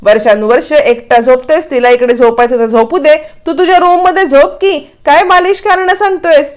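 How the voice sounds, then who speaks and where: A woman voicing a stern, scolding middle-aged mother-in-law in a spoken retelling of a TV serial, with a sharp, reproachful delivery. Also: high voice, animated, normal speed.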